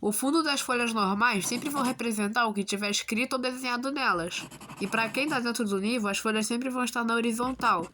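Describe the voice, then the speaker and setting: Brazilian girl narrating an explainer video, kinda high voice, sounds like her throat's sore and swollen, noisy recording. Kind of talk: scripted explainer narration with casual asides.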